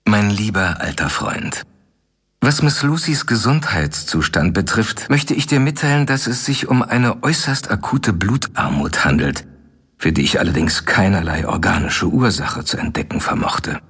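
An earnest, husky young doctor. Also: male voice, lowish voice, lively intonation, normal speed, a bit bright, full character voice. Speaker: Doctor Seward. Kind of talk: radio play acting and narration.

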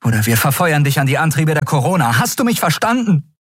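A man's voice: medium pitch, lively intonation, moderate pace, husky, no echo, studio quality, voice pushed up. A man voicing a stern young woman ship captain who questions a captive in terse, demanding lines. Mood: threatening.

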